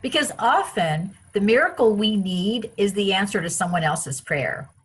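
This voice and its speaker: A woman from France, a guest in an interview, telling personal stories in a chatty, animated way with many restarts. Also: mid-range voice, normal speed, husky. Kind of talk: casual interview storytelling.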